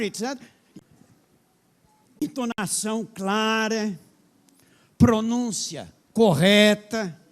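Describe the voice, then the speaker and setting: A preacher with a strikingly high voice gives an impassioned sermon. His delivery swings into loud, emphatic questions. He talks plainly and directly to the congregation. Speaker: pastor.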